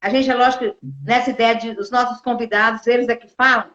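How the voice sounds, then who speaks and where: A woman's voice: a little high, steady tone, fairly quick, fairly bright tone. A woman hosting a live interview, chatty, greeting viewers by name and asking long questions. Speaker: host, state deputy. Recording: echoey, dull live-stream audio.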